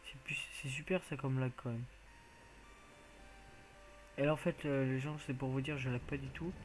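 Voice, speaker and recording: A man's voice: medium pitch, steady tone, normal speed, slight background noise, poor audio. A man giving casual, rambling commentary as he plays a video game, hesitant and full of filler sounds. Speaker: video game let's player.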